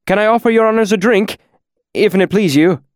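A man's voice: sits high, very animated, normal speed, a little mellow, dry recording, studio quality, voice pushed up. A man voicing a bald, nervous male tavern owner who stammers, pleads and hurries his words in a storybook reading. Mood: nervous pleading.

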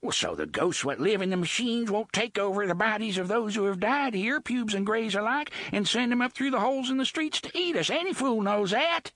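A sullen, ragged woman in a high, raised voice, as a male narrator puts her on, grinding out rough dialect with dogged scorn. The audiobook read is close and dry, with her lines swooping up and down. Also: big pitch swings, brisk, few pauses, fairly bright tone, no room sound. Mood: scornful.

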